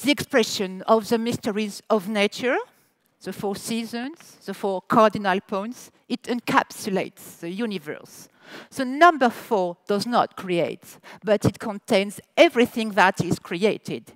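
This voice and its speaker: A woman's voice: mid-range voice, no room sound. A woman with a French accent hosting a festival opening ceremony on stage, joking playfully and switching between French and English. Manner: playful, teasing, deliberate delivery. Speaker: ceremony host. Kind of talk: bilingual ceremony hosting with jokes. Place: festival stage before an audience.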